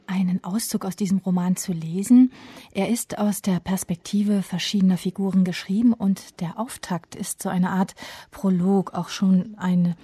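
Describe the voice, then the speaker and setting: A woman hosting a radio literary interview, speaking softly and measuredly. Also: mid-range voice, breathy edge, dry recording.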